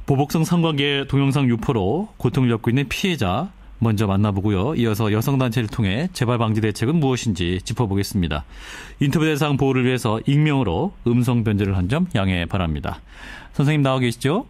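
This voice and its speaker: Fast-talking male radio news host. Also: medium pitch, expressive, a little mellow, dry recording. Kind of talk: broadcast interviewing. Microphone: close studio microphone.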